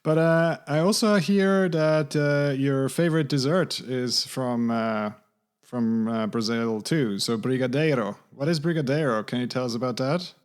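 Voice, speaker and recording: A man's voice: mid-range voice, a little slow, clean tone. A middle-aged man hosting a podcast, asking questions in a friendly, hesitant way with lots of uhs. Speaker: podcast host. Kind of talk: casual interview.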